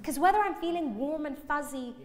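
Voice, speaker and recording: A woman in her thirties preaching a sermon to a congregation, animated and self-mocking, acting out little quoted scenes. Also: high voice, brisk. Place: church hall with congregation. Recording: church hall with long reverb.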